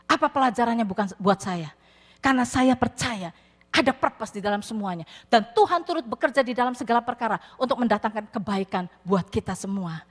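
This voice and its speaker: A woman pastor preaching a sermon, telling a story with animated acted-out voices. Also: fairly high pitch, brisk. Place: church hall. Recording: long hall reverb.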